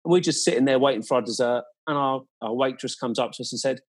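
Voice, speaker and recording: This man talks fast, with a medium pitch and a breathy edge. Chatting casually, he recounts his experiences as a guest in an eager, descriptive and emphatic manner.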